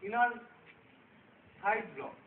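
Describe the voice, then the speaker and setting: A man teaching self-defence in a live demonstration, often checking that his students follow. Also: takes it slowly. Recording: roomy, distant, phone-like sound with loud noise.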